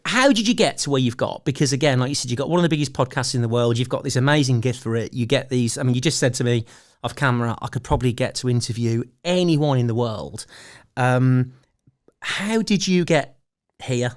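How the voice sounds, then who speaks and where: A man's voice: mid-range voice, a little fast. A man hosting a podcast interview, joking and teasing his guest, often restarting his sentences. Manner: jokey, self-deprecating, stumbling restarts. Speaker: podcast host. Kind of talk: casual interview chat.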